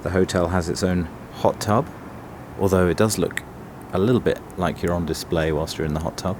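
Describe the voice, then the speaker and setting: A man's voice: sits low, steady tone, brisk, background noise. Wry young man vlogging. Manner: chatty and wry. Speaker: travel vlogger. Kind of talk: casual walkthrough to camera.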